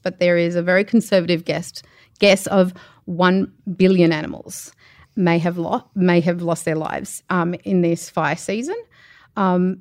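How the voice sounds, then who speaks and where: Australian woman, low voice, measured sober answers, dry close recording. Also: dry recording. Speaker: animal welfare area manager. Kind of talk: interview answers.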